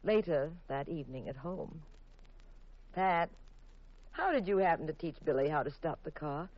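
A woman playing a detective's wife who narrates the story crisply and teases her husband, in an old radio drama. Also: low voice. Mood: brisk, teasing. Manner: brisk, crisp storytelling, teasing. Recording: muffled old radio recording with faint music.

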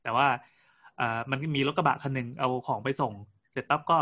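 A man co-hosting a casual podcast chat, relating events in a loose storytelling way. He keeps stopping and restarting his sentences and fills gaps with small sounds. His pitch sits in a middle range for a man. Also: fairly even intonation, fairly quick, bright, forceful tone. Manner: storytelling with frequent restarts and fillers. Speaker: podcast co-host.

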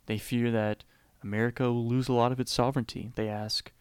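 A man's voice: medium pitch, level tone, a little fast, a little mellow, clear, resonant tone, no room sound. A man giving a casual, conversational history lecture, often saying "you know" and acting out quotes.

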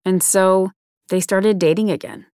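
A woman hosting a podcast, giving measured, scripted true-crime narration and interview questions. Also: medium pitch, a little mellow, no echo, studio quality.

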